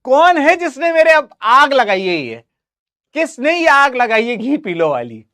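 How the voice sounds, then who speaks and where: A man's voice: extremely high pitch, very animated, measured pace, bright, forceful tone, no room sound, studio quality. A male teacher chatting casually with his students, teasing them with mock-indignant complaints. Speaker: online teacher.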